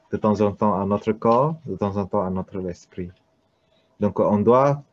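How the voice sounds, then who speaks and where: Low slow guy teaching meditation, foreign accent in french, not native, halting, kinda muffled recording. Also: a little mellow, no echo. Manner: halting, searching for words in non-fluent French. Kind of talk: unscripted Buddhist-style dharma talk. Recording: dull, muffled lo-fi sound.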